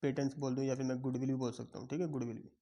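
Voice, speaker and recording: Mellow-voiced male commerce teacher. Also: medium pitch, level tone, rapid-fire, muffled recording. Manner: quizzing students, voicing their replies in Hinglish. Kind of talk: classroom lecture.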